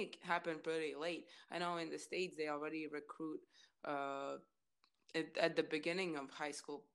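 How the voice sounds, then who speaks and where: A woman's voice: sits low, a bit bright, smooth. A woman from Latvia with a Latvian accent, chatting casually as an interview guest, talkative and often searching for words. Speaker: interview guest, former college basketball player.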